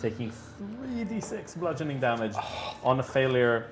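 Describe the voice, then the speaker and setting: A man's voice: mid-range voice, big pitch swings, a little slow, echoey room. A man narrating as game master in a casual, swearing, stop-and-start way.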